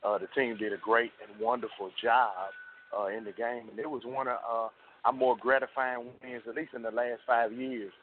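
A man calling in to a radio show on a cell phone, speaking earnestly and in a measured way about his team. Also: medium pitch, little pitch movement. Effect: heard over a cell phone line. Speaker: radio call-in caller. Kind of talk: earnest sports fan commentary. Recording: tinny cell phone line with faint hiss.

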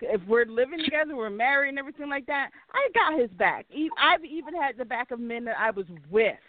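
Female co-host, high voice, blunt and insistent, dry phone-line sound. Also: expressive, brisk, no echo. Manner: blunt and emphatic, pushes back. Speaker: podcast co-host. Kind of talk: casual podcast chat.

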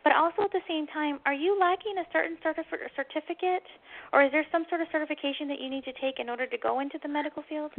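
Female psychic medium host, high pitch, comforting delivery, slightly dull lo-fi call sound. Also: fast. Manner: soothing, reassuring, with endearments like "hon". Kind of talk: psychic reading for a caller.

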